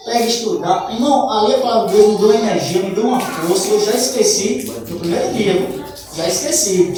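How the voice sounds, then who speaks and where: A man's voice: high-pitched, darkish tone. A man with a Brazilian Portuguese accent giving a fervent church testimony, repeatedly calling his listeners brother. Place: church hall. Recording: very echoey church hall, distant mic, faint noise.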